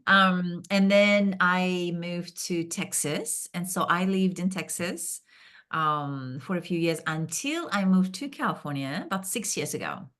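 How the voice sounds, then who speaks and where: Lower-voiced woman. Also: unhurried, fairly bright tone. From Kazakhstan. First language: Russian. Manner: thoughtful, with many fillers and restarts. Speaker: guest, business founder. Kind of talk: podcast interview.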